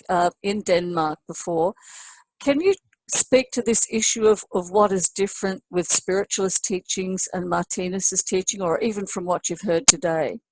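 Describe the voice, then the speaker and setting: A woman's voice: medium pitch, no echo, rough recording. A woman hosting a panel interview, asking questions in a polite, inquiring way. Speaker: host.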